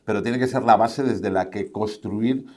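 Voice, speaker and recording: Low-voiced man, rambling panel answer. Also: normal speed, a little mellow. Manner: rambling, many fillers and tag questions. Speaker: panel speaker on podcasting and advertising. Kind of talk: conference talk answering questions. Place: conference stage.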